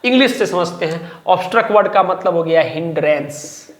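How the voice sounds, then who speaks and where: A male teacher giving a vocabulary lesson. He repeats each word, often checks whether it is clear, and asks and answers his own questions. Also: a little high, expressive, a little fast. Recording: echoey room.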